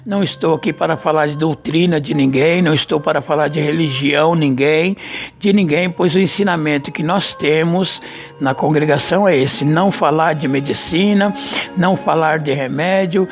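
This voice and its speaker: A man giving an emotional religious testimony, telling his story slowly and dramatically with many repeated phrases. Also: on the high side, soft background music. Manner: slow, repetitive, dramatic storytelling. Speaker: church member giving testimony.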